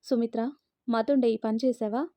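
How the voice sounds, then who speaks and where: A woman's voice: on the high side, fairly even intonation, normal speed, dark tone, no room sound, natural voice. Woman reading as a stern scolding mother. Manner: harsh, lecturing.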